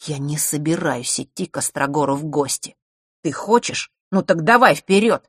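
A woman's voice: sits low, expressive, moderate pace, husky, dry recording, studio quality. A woman voicing a gloomy teenage boy who answers curtly. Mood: sullen. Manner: gloomy, curt. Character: sullen brooding teenage boy.

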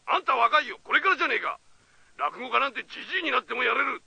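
An actor playing a gruff, blunt, proud former baseball player who talks rough and plain. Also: male voice, extremely high pitch, animated, racing, pushed and bright, no echo, heavily acted. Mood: earnest. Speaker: ex-baseball player turned commentator.

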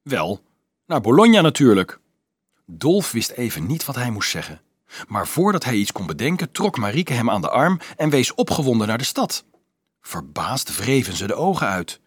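A man reading a novel aloud as an audiobook narrator, expressive and shifting his voice for the characters. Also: medium pitch, normal speed, slightly rough, dry recording.

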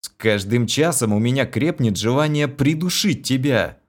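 A man's voice: medium pitch, lively intonation, normal speed, voice pushed up, close to an everyday voice. A man voicing a wry, sarcastic young hero in a storybook reading.

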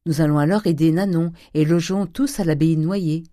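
Casting: a woman playing a timid young country girl for a storybook, gentle and eager, low dark voice. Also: fairly quick, no room sound, studio quality, natural voice. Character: shy, earnest young provincial woman.

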